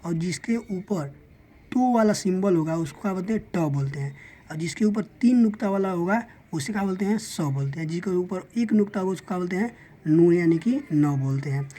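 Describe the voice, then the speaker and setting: A woman's voice: on the low side, expressive, warm tone. A woman teaching a beginners' reading lesson, patiently sounding out each letter and word step by step. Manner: patient, sounds out letters slowly, repeats "theek hai".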